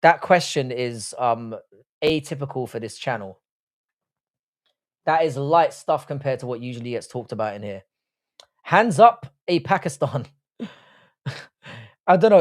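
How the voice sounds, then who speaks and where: An early-forties British man hosting a livestream talks at a moderate pitch, unhurried and pausing often, yet his intonation stays lively. He responds to comments bluntly and casually, with crude, jokey humour and common slang.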